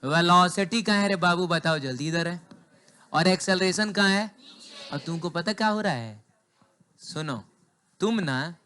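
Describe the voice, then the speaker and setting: A man with a fairly high voice lectures a physics class. His throat is sore. He keeps quizzing the students, answers his own questions and teases them as he goes. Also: fairly bright tone, clear, resonant tone. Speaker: physics teacher.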